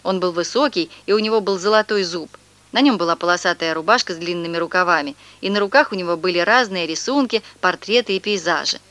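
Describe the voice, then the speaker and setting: Woman reading a kids story out loud, lively and expressive, dry close sound. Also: on the low side, quick pace, no echo.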